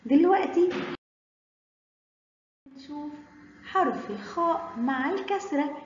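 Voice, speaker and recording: Egyptian lady teacher, sing-song, draws out letter sounds, kinda high, echoey dull recording. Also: expressive, slow, a little hiss or hum. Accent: Egyptian Arabic. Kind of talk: children's alphabet lesson.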